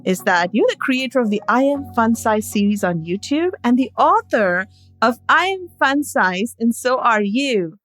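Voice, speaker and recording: Reading a guest's introduction on a podcast she co-hosts, this New York City woman is giggly and full of enthusiasm, and the names trip her up. Her slightly high voice has lively intonation and a fairly bright tone at normal speed, and the chat is casual, with faint music underneath.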